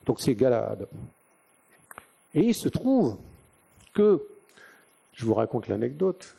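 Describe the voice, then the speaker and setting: Speaking slowly but very animatedly, the older lecturer from northern France has a medium-pitched, husky, dark voice with vocal fry. In his live conference talk he tells stories conversationally and throws out rhetorical questions.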